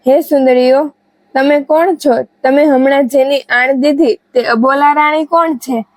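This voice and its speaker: A woman's voice: sits high, steady tone, a little slow, no room sound. Stubborn desperate priest guy in a folk tale, read by a woman, insistent, dry close sound. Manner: insistent and pleading.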